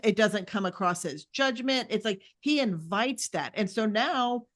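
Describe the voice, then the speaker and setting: A woman speaking as a counselor guest in a casual interview. She explains things steadily and plainly. Her voice sits in a middle pitch for a woman. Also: a little slow. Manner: steady, explanatory, many soft affirmations.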